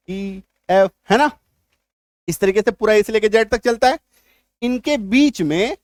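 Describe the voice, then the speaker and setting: A man's voice: high-pitched, no room sound, studio quality. A man teaching English spelling rules in an online lesson, often checking in with his viewers and spelling letters out one by one. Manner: repeats rhetorical checks, spells letters aloud. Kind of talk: online lesson in spoken Hindi.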